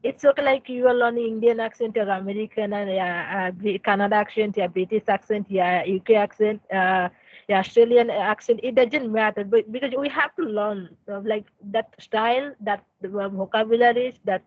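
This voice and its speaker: A woman's voice: medium pitch, steady tone, normal speed, no room sound. Hesitant woman on a dull call. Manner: hesitant, many fillers and restarts, non-native grammar. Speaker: conversation practice partner. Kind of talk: casual conversation practice. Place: indoors in a room. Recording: dry, dull lo-fi call audio.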